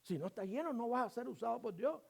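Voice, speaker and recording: A male pastor preaching a sermon, firing off rhetorical questions and swinging between loud emphasis and quiet asides, now and then acting out short voices of church members. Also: very high-pitched, lively intonation, quick pace, vocal fry, slightly rough.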